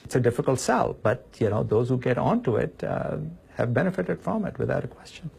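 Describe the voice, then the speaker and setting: A male cardiologist with a gravelly, husky voice, speaking calmly. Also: medium pitch, fairly quick.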